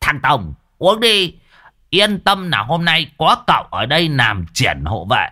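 A man voicing a loud, bragging bandit who talks boisterously while drinking. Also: a little high, big pitch swings, unhurried, voice pushed up, exaggerated voice. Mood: rowdy.

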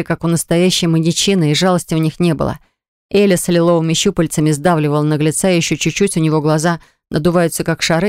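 A woman narrating an audiobook in the first person, with a lively, indignant, sharp-tongued way of telling the story. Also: lowish voice, clean tone, dry recording, clean studio sound.

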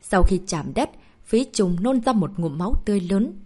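A woman reads a martial arts novel aloud as an audiobook narrator. Her narration is expressive, and her pitch moves freely up and down to build the drama. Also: moderate pace.

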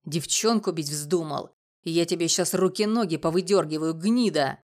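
A woman reading an audiobook, voicing a huge, burly older male neighbor with a husky, gruff, growling voice. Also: lowish voice, moderate pace, natural voice. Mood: angry.

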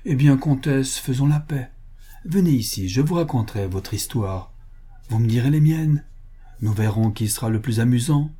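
A man's voice: medium pitch, expressive, moderate pace, mellow, breathy edge. A male audiobook reader playing a blasé, self-assured aristocratic marquis with an ironic manner. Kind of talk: audiobook character voice.

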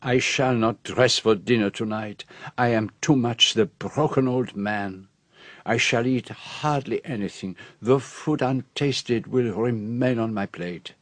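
In a dry-sounding radio drama recording, a male actor with a mid-range, fairly bright voice plays a fussy, shrewd older Belgian detective. He speaks at a measured pace in a French-speaking Belgian accent, precise and theatrical, with a mock-mournful air.

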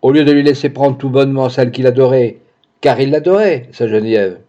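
A bold, scheming older matron, as a male reader puts her on, tossing off indignant, mocking retorts. The tone is mellow and dark, and the lo-fi recording sounds dull. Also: medium pitch, a little fast, close to an everyday voice. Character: brash aging woman, bold scheming matron.

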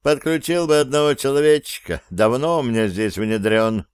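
A man voicing a rough, roguish male bandit who talks of his secret agent. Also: medium pitch, moderate pace, no echo, studio quality, natural voice.

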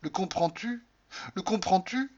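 A man reading an audiobook voices a pale, tearful young woman who speaks high, breathless and pleading. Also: unhurried. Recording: slightly dull lo-fi recording.

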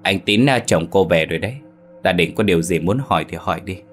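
A man's voice: low-pitched, fast talker, fairly bright tone, soft background music. A man voicing an old village ritual master in a spoken ghost story, grave and urgent.

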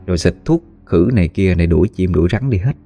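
Low, dark-voiced man telling a ghost story. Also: fast talker, soft background music. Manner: folksy, animated retelling with quoted voices. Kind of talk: spoken ghost story narration.

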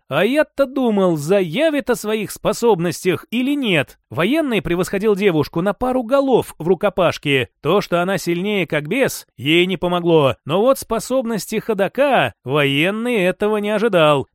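A man narrates an audiobook in the first person, with a wry, analytical tone. His voice is high for a man. The recording is close and dry, with no room sound. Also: dry recording. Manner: wry, analytical inner monologue.

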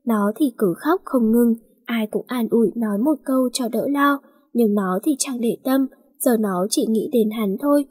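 A woman reading a romance story aloud in a steady, plain voice. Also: a little high, normal speed, husky.

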